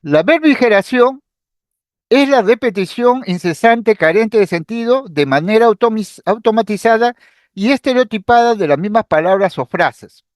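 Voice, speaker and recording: A man giving a psychiatry lecture, explaining patiently, with lively intonation and an occasional filler or restart. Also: high voice, moderate pace, dry recording, clean studio sound. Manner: explanatory, acts out patient speech examples. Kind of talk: recorded medical lecture.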